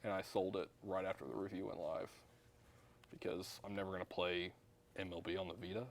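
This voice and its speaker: A man's voice: sits low, level tone, fairly quick, a little hiss or hum. A young man co-hosting a casual chat, joking and teasing. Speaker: co-host.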